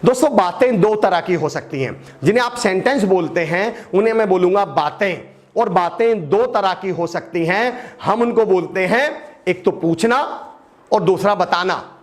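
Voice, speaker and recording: A middle-aged man teaching an English lesson in an animated way, asking and answering his own questions. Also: sits high, moderate pace. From India.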